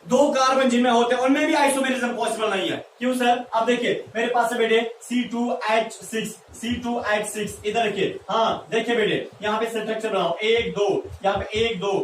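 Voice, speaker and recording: A man's voice: high voice, a bit bright, a little hiss or hum. A man teaching a chemistry class, talking to students as "beta" and playfully asking and answering his own questions. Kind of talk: classroom lecture. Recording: echoey room, mic far off.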